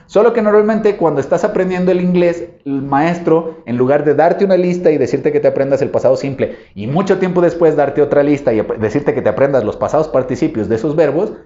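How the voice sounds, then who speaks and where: A man's voice: a little high, warm tone. A man teaching English in an online lesson, patiently explaining rules and drawing out example words to show their sounds. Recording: roomy echo, dull lo-fi sound.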